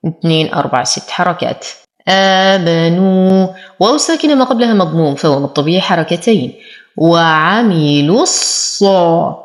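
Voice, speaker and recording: A woman with a somewhat low voice leads a Quran recitation lesson. She stretches each recited word slowly and carefully. Then she moves quickly through the explanation of the rule. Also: darkish tone. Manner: slowly draws out recited words, then explains rules briskly.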